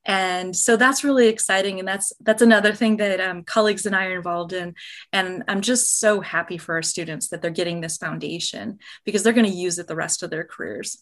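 A woman's voice: lowish voice, brisk. A middle-aged woman with an American accent, a medical educator speaking as a guest in a podcast interview, explaining in an earnest, enthusiastic way.

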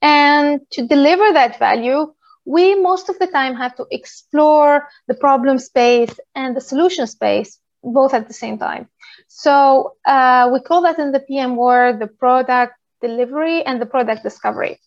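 A woman from Tunisia, a product manager in her thirties, giving a talk in a steady explanatory way with many "uh" pauses. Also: high voice, dry recording, lo-fi sound. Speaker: guest speaker, product manager. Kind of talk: presentation talk.

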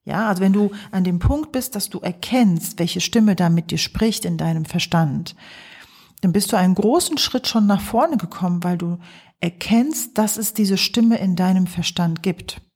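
A woman psychologist and coach hosting her podcast, talking gently and thoughtfully with pauses in a calm reflective monologue. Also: lowish voice, husky. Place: home, early morning.

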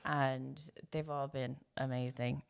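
A woman's voice: very deep voice, flat delivery, slow pace, vocal fry. A woman in her thirties co-hosting a casual podcast chat, recovering from a stroke, laughing often and sometimes stumbling over her words. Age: 30s. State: numb face, recovering from a stroke. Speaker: podcast co-host.

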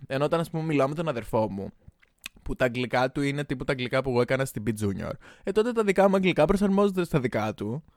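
A young Greek man co-hosting a casual chat, animated and laughing, slipping playfully into other languages. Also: mid-range voice, dry recording, studio quality. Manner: animated, laughing, jumps into playful English and Spanish.

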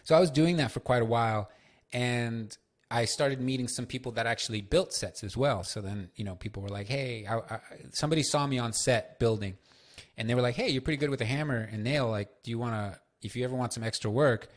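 A man's voice: medium pitch, brisk. A man hosting a solo podcast, telling loose, profane stories with lots of fillers. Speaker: podcast host.

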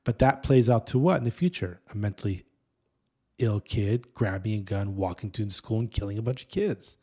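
Husky-voiced pastor, animated storytelling. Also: male voice, fairly low pitch, moderate pace. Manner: animated, rambling, self-interrupting. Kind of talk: casual sermon storytelling.

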